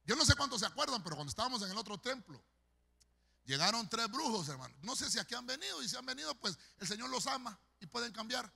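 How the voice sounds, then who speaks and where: A man's voice: very high voice, sing-song, fast talker, gravelly, sharp tone, breathy edge, long reverb tail. A man preaching a sermon as pastor, fervent and storytelling, addressing the congregation directly. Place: large church hall.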